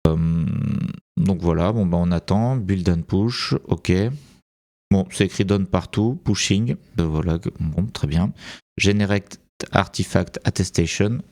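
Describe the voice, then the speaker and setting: A man's voice: low-pitched, slow pace, mellow. A man with a French accent talking through a screen-recorded tutorial, thinking aloud and hesitating with many fillers. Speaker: tutorial presenter.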